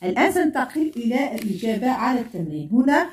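A woman teaching French grammar in a bilingual lesson, speaking slowly and repeating words and spelled letters aloud. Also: fairly high pitch, very animated, a little mellow, echoey room, recorded from a distance.

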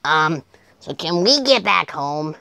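A woman voicing a sceptical, grumbling rabbit plush toy with a creaky voice in an amateur puppet show. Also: sits low, expressive, slow pace, pushed and bright, no room sound, clean studio sound, heavily acted. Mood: puzzled.

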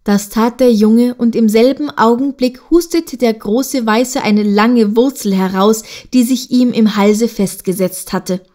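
A woman narrating a children's classic audiobook in an even, measured storytelling manner. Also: a little high.

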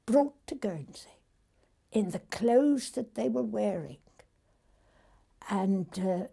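An older woman gently telling the story of prisoners she once spoke with. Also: medium pitch, lively intonation, takes it slowly, creaky, husky. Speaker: interviewee recalling wartime occupation. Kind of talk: reminiscing testimony.

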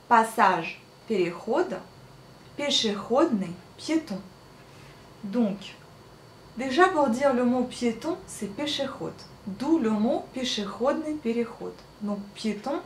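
Slow, patient woman teaching vocabulary. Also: fairly high pitch, a little hiss or hum. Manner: slow, repeats each word carefully. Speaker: Russian language teacher. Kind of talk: casual spoken lesson. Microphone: writes on a small slate while talking. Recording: echoey room, faint ambience.

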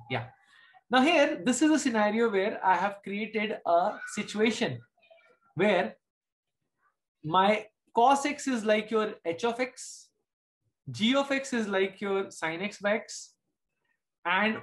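His voice is high and animated, slow-paced with frequent pauses. He's a middle-aged man with an Indian accent giving an informal live online maths lesson from an indoor desk over screen-share video, checking comprehension with short questions.

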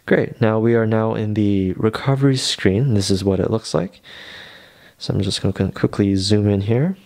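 A man walks through a tech tutorial step by step, his delivery casual, unhurried and reassuring. His fairly low voice is creaky and a little mellow.

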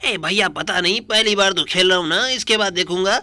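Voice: medium pitch, fairly quick, pushed and bright, no room sound, natural voice. Timid cheerful cartoon cat, voiced by a gamer. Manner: starts lines with "ae yaar bhaiya", whiny. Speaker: game commentator.

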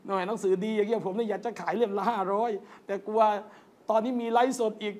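A man's voice: high voice, fairly even intonation, fast, darkish tone. A man giving an Islamic lecture in a mosque, telling stories earnestly and often calling his listeners brothers and sisters, with light joking asides. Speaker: Islamic preacher. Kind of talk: lecture to a congregation.

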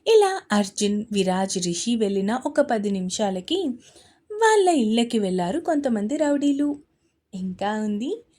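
A woman narrating a serialized romance story in a steady, expressive way. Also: fairly high pitch, a little slow.

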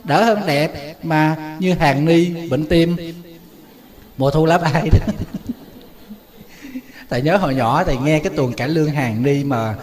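A man's voice: on the high side, unhurried, long pauses, darkish tone. A man, a Buddhist monk giving a sermon in a folksy way, often asking the audience questions.

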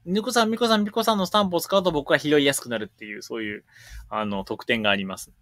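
This medium-pitched man hosts a casual livestream Q&A, reading viewer questions from chat and answering them. He talks in a rapid-fire, animated way that is blunt and full of jokes, and the recording is dry.

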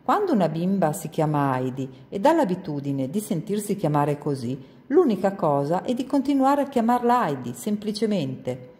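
A woman voicing a kindly elderly grandmother who is cheerful, warm and gently firm, in a storybook read aloud. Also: on the low side, big pitch swings, moderate pace, hardly any pauses. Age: older. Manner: warm, amused, gently commanding.

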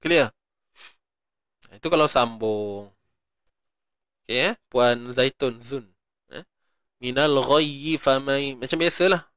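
A man with a Malaysian Malay accent teaching Quran recitation in an online class, chanting examples slowly and explaining in between. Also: mid-range voice, lively intonation, fairly bright tone, no room sound, studio quality. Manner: demonstrates pronunciation repeatedly, light laughs.

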